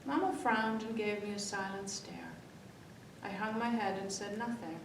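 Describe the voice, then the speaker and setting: A woman reads aloud to children as the library's story-time reader, keeping a level tone at a moderate pace while expressively performing the dialogue. A distant mic in an echoey room picks up faint rumbling noise.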